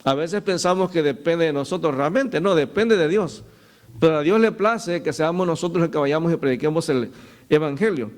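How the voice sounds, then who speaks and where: A man's voice: a little high, normal speed. A middle-aged man preaching a sermon as pastor, telling stories and calling his listeners "brother". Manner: storytelling, addresses listeners as "hermano".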